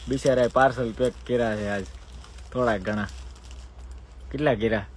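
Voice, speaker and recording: A man's voice: mid-range voice, steady tone, normal speed, a little hiss or hum. A man who runs a shop and hosts a live sale from the air-conditioned shop floor. He sounds sleepy and chats with viewers, breaking off to give his staff orders. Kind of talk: live-stream sales talk.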